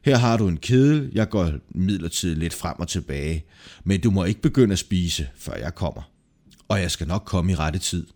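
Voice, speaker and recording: A man voicing a patient, quietly stern old male apostle, speaking slowly and in a low, measured way in a folk tale. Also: lively intonation. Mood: calm.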